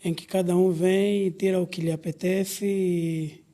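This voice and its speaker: A man speaks in a measured way as a psychologist on a casual podcast. His voice is high for a man, yet dark and mellow in tone. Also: flat delivery. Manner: measured, with soft affirming murmurs. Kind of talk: casual conversation.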